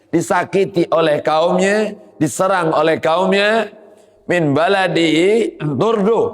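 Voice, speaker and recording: Guy preaching a sermon, reads arabic then explains, big echoey hall. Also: fairly high pitch. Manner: moves between quoted Arabic and explanation, rising emphasis. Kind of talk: Islamic sermon.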